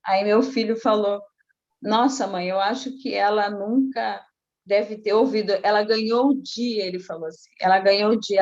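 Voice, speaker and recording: A middle-aged woman, telling a personal faith testimony in a casual, animated way. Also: medium pitch, dull audio. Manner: animated storytelling, acting out quoted voices. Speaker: guest giving a testimony.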